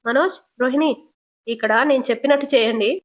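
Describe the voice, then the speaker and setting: A woman voicing a domineering, quick-tempered mother-in-law in a retold TV serial, scolding sharply. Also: high-pitched, close to an everyday voice.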